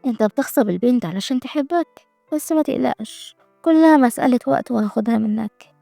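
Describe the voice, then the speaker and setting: A woman plays a scheming young man whose quiet, even voice hides menace, with an Egyptian Arabic accent. The tone is low, mellow and gravelly. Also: fast talker, no echo, faint music behind. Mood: calm menace. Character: cold, scheming young man, a hidden villain.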